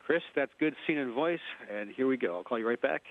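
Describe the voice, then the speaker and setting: Brisk man over a tinny radio link. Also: medium pitch, expressive. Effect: narrow two-way radio comm line. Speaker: mission control communicator. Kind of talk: clipped radio call procedure.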